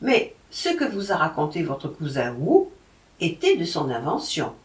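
A woman reading aloud, voicing a dignified older mother who speaks in a measured way. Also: low voice, huge pitch swings, exaggerated voice. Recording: roomy, from a distance.

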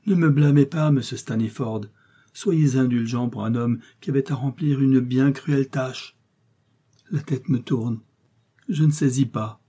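A man's voice: medium pitch, a little slow, mellow, husky. A man voicing a loyal old male servant who speaks earnestly and pleads, in an audiobook reading. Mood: pleading.

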